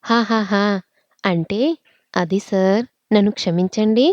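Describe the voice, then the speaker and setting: Lady doing a fiery young office girl, snapping and scolding, mellow dull audio story. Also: a little high, no room sound, natural voice. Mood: defiant. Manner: scolding, quick retorts. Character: hot-tempered young working woman, brash.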